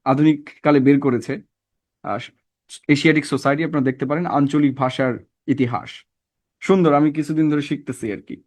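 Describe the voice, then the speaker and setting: A man's voice: fairly high pitch, a little mellow. Man lecturing a class. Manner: conversational, asks the class checking questions. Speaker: teacher.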